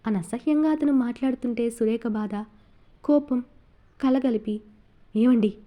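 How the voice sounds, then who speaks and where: A woman narrating a Telugu audio novel in an even storytelling manner. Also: on the high side, normal speed.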